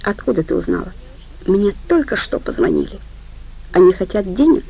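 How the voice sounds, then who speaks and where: Sick worried little sister, woman narrator, anxious, gravelly dark voice. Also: medium pitch, sing-song, normal speed, exaggerated voice, low-quality recording. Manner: anxious, questioning. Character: weak sickly young sister, worried.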